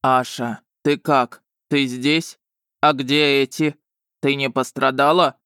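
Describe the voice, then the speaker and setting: A woman voicing a big, gruff male dog familiar who growls and blusters. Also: very deep voice, fairly even intonation, takes it slowly, a bit bright, no echo, clean studio sound, voice pushed down, heavily acted. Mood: flustered.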